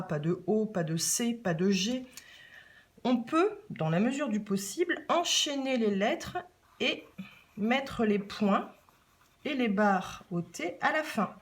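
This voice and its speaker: A woman with a French accent teaching young children handwriting, patiently repeating and stretching key words. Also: mid-range voice. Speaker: primary school teacher. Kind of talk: remote handwriting lesson for children.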